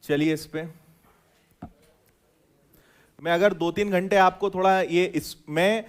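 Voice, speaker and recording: High-voiced guy teaching a class, jokey and chatty, keeps checking with the students. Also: steady tone, slow, smooth. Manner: chatty, joking, keeps asking "है ना?". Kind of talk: classroom lecture.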